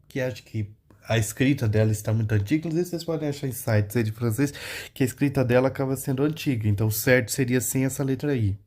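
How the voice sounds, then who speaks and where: A young man teaches pronunciation in a relaxed, chatty way. He explains each sound step by step and keeps checking that listeners follow, with a voice of ordinary pitch. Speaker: language teacher. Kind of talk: casual pronunciation lesson.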